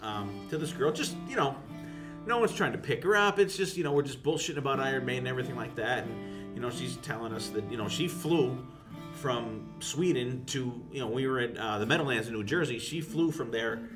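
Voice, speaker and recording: A man's voice: medium pitch, lively intonation, brisk, over music. A man co-hosting a casual podcast chat, telling rambling, profane anecdotes. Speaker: podcast co-host.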